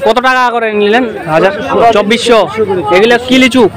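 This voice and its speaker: Male market reporter amid loud crowd. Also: extremely high pitch, fairly even intonation, brisk. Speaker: video reporter. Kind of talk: on-location market report with short vendor questions. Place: outdoor wholesale fruit market. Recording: loud crowd and street noise behind.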